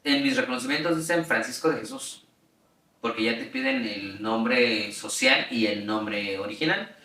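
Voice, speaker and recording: A Mexican man talks through his stories as an interview guest, loose and chatty, full of fillers and quick laughs. His voice is bright and forceful. The mic sits some way off in a roomy space. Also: mid-range voice. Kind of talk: casual storytelling. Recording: roomy sound, mic at a distance.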